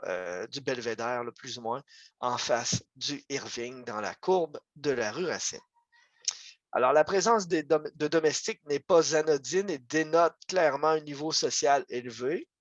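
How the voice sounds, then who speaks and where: A man's voice: on the high side, dry recording, lo-fi sound. A man with a Quebec French accent giving a local history lecture over a video call, conversational, with many fillers and asides. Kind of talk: history talk, online lecture.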